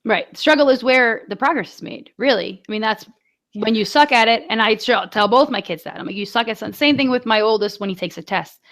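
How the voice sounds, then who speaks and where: A woman's voice: on the high side, fairly quick, fairly bright tone. A woman in her forties chatting casually as a podcast co-host, telling stories full of fillers and light laughter. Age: 40s. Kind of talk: casual chat.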